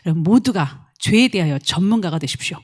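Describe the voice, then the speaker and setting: Animated woman preaching a lively sermon. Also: on the low side, quick pace, husky. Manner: animated, acts out quoted voices, jumps from loud to soft. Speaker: pastor. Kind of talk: lively sermon with acted-out examples.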